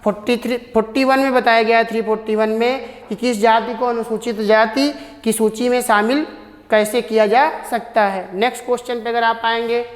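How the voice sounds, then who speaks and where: A woman teacher explains exam answers in a rather high, flat voice. She reads the English questions slowly, then moves on. The room is echoey, with a long reverb tail.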